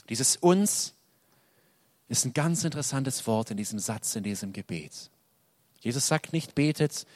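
Man preaching with loud and soft swings. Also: mid-range voice, no room sound. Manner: dynamic preaching, loud emphatic peaks dropping to soft quiet lines. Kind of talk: sermon.

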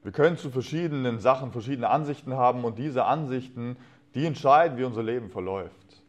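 An earnest man delivering a sermon to a congregation, his voice sitting at an ordinary middle pitch. He reads aloud with feeling and lets many phrases fade to a hush at the end. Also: fairly quick. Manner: earnest, reads expressively, trails off softly at phrase ends. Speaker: preacher. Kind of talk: sermon with a read-aloud story.

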